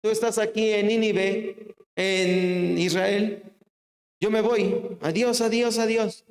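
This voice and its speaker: Man doing a high, sulky runaway prophet, slow mocking goodbyes, echoey hall. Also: fairly even intonation. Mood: defiant. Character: defiant fleeing prophet man, petulant.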